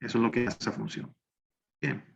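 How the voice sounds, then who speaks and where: A man's voice: mid-range voice, level tone, a little fast, gravelly. Man teaching a recorded spreadsheet class. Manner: talks through steps while working on screen. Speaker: instructor. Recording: slightly dull lo-fi recording with faint noise.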